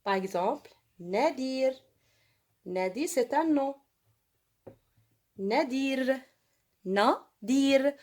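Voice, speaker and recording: A woman with an Arabic accent teaching French to young primary pupils, switching between Arabic and French and repeating each point slowly. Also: sits high, animated, a little mellow. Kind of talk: online lesson for children.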